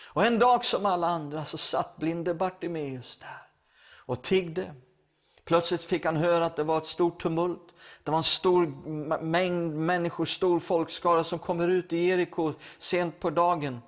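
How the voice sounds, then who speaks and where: A man's voice: fairly high pitch, fairly even intonation. A man preaching a sermon, retelling a Bible story with acted quotes and stammering restarts.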